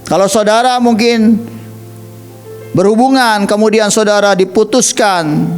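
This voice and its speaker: A man's voice: high voice, unhurried, smooth, faint music behind. A man with an Indonesian accent preaching a sermon, telling stories animatedly and acting out quoted voices. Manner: animated storytelling, acts out quoted voices, addresses listeners as 'saudara'. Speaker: evangelist preacher.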